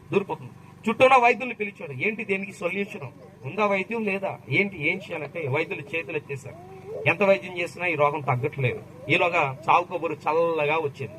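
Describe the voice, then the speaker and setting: A man's voice: on the high side, sharp tone, slight background noise, low-quality recording. A man from Andhra Pradesh preaching an impassioned sermon, firing rhetorical questions at the crowd and calling out hallelujah. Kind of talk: fervent sermon.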